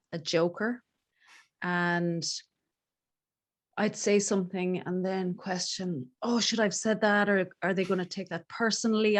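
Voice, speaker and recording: A middle-aged woman with a west of Ireland accent, talking casually and reflectively as an interview guest in a candid, informal way. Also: on the low side. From Galway, west of Ireland. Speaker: podcast guest, life coach.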